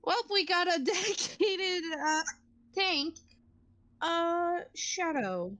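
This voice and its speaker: A woman's voice: extremely high pitch, lively intonation, slow pace, fairly bright tone. A woman player in a tabletop game, chatting casually in a dry, firm way.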